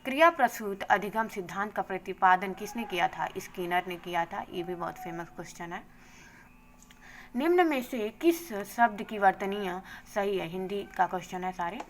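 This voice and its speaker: A woman teacher going briskly through exam questions and their answers, adding a quick "okay" after each answer. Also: mid-range voice, poor audio. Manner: brisk, adds "theek hai" after answers.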